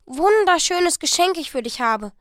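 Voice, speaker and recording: A woman reading the part of a young wife who pleads eagerly with her husband, her voice raised higher and louder. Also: normal speed, no room sound, clean studio sound. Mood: pleading. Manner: breathless, pleading and excited.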